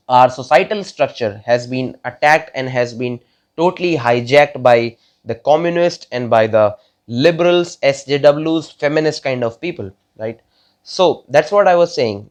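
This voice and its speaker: Halting young man from India, lo-fi. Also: mid-range voice. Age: 20s. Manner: halting, many fillers and repeated words. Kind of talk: casual monologue to viewers.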